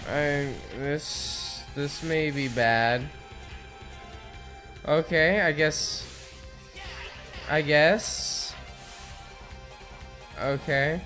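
A man's voice: on the high side, very slow, long pauses, pushed and bright, faint music behind. A man giving casual, self-deprecating commentary while he plays a video game, muttering at the game as he goes. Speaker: let's play gamer.

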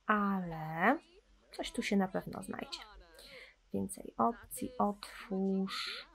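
A woman's voice: mid-range voice, animated, takes it slowly, vocal fry, fairly bright tone. A young woman casually commenting on a life-simulation game, chatting with viewers and talking to her characters. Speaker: gameplay commentator. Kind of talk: casual let's-play commentary.

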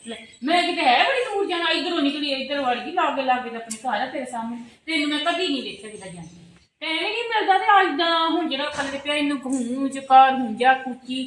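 A woman's voice: sits high, lively intonation, fast, fairly bright tone. A woman playing a chatty, nosy village neighbour in a comedy skit, with a Punjabi accent and a prying, nagging way of talking. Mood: needling. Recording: echoey, noisy home video sound.

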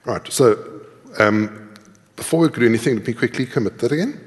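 Speaking a little fast with a medium-pitched voice, this middle-aged programming instructor and conference speaker leads a live coding talk, explaining things step by step in a chatty way and quizzing his listeners. He's indoors in a big tiered lecture hall, and the audio echoes noticeably.

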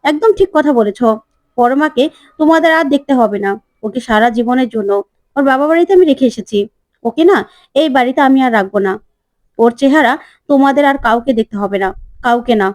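A woman playing a grown son torn up by family troubles, pleading and emotional. The voice is high and mellow, with a dry sound. It is told as part of a spoken serial recap. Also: normal speed, pauses often, no echo, close to an everyday voice. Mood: distraught.

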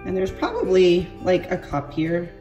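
A home cooking vlogger in her thirties, congested, narrates making dinner in her home kitchen and on an outdoor patio, chatting casually and poking fun at herself. Her lowish, warm voice swings hugely in pitch at an unhurried pace, sounding far from the mic over soft background music.

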